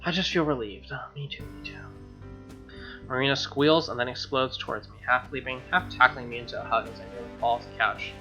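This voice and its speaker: Reading a visual novel aloud for a gaming video, a man throws in casual, snarky, profane quips. His mid-range voice is brisk, bright and forceful. Game music with guitar plays beneath a dull, lo-fi mic.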